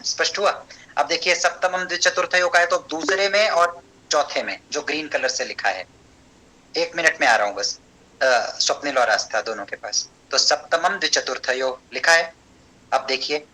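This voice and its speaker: A man teaching an online Sanskrit class, explaining step by step, checking understanding and chanting verses slowly. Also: on the high side, bright, forceful tone, poor audio.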